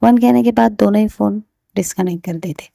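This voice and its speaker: A woman's voice: medium pitch, brisk, creaky, warm tone, dry recording, clean studio sound. A woman narrating a romantic story in a casual, chatty way, speaking every character's lines in her own voice.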